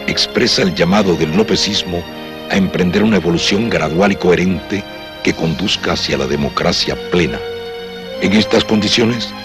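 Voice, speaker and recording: A man reading scripted narration as a documentary narrator. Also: deep voice.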